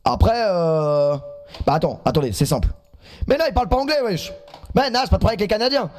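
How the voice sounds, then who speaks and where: A man's voice: high-pitched, animated, brisk. A man in his twenties streaming live, reacting to clips and chatting in a teasing, self-mocking way.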